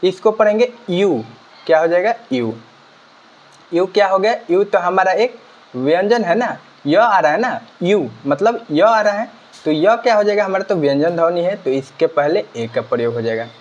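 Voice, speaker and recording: A man's voice: high-pitched, animated, normal speed. A man teaching a grammar lesson, asking and answering his own questions and repeating key words. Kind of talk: grammar lesson explaining examples. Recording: slightly dull lo-fi recording.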